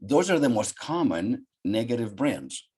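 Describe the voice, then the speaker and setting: An older man from Greece, a psychologist guest telling a story on a video call from his home office, in an animated, gesturing way. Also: medium pitch, a little slow, slightly rough. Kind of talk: storytelling interview.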